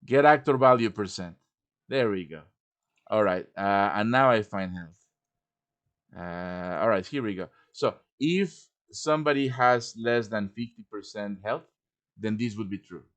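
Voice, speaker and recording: This tutorial host speaks a little slowly in a voice on the low side. He improvises a relaxed software walkthrough on a live voice-chat stream, thinking aloud at each step.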